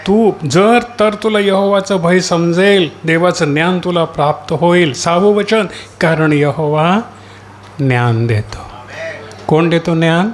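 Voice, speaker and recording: High-voiced male pastor preaching. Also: fairly even intonation, measured pace, few pauses. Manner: asks the congregation questions and answers them; repeated cries of hallelujah. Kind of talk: sermon.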